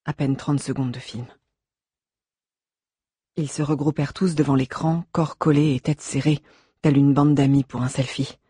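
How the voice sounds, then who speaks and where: Husky male audiobook narrator. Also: medium pitch, no room sound. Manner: measured, steady reading. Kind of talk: scripted narration.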